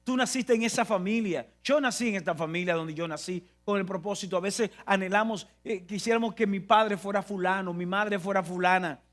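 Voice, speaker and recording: A man's voice: high voice, brisk, few pauses, a bit bright. A man with a Dominican Spanish accent preaching a sermon, emphatic and repetitive, often restarting his phrases.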